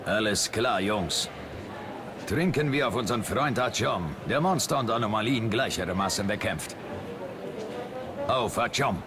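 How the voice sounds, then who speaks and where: An actor playing a rough male comrade who gives a hearty toast, heard from a distance in the game. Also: fairly low pitch, expressive, unhurried, pauses often, a crowd in the background. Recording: game audio with ambient noise.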